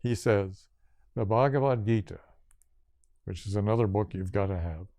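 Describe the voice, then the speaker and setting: An older man giving a spiritual yoga talk, speaking slowly and deliberately in short listed phrases. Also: on the low side, mellow, no echo, studio quality. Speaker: yoga teacher.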